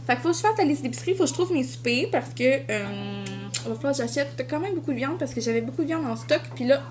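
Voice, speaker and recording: Chatty Québécoise mom, lively high voice. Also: female voice, fast talker. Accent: Quebec French. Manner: chatty, talks to her toddler in a sing-song voice. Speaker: vlogger and mother. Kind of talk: casual home vlog.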